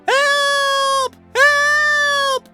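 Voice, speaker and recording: A man faking a shrill falsetto damsel in distress. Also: completely flat delivery, drawn-out words, pushed and bright, soft background music, exaggerated voice. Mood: panicked, pleading. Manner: falsetto, melodramatic. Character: fake damsel in distress, young woman, shrill and melodramatic.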